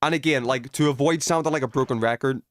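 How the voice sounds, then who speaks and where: Talking fast in a medium-pitched voice, a man from the United Kingdom chats casually to his audience while he plays. He's a video game livestreamer whose style is emphatic, opinionated and sweary.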